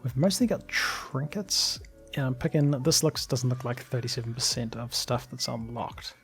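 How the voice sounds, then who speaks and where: Hoarse guy with a gravelly voice chatting through his modded game, faint music behind. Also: medium pitch, animated, moderate pace, fairly bright tone. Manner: chatty, thinks aloud with fillers and small laughs. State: slightly hoarse. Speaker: let's play gamer. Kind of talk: casual gameplay commentary.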